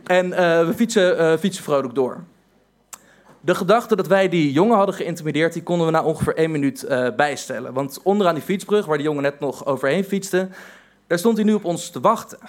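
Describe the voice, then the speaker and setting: This is a young man with a slightly high voice, telling a story from his own life. He pokes fun at himself and often pauses on filler sounds. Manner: wry, self-mocking, with hesitant fillers. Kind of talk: personal storytelling.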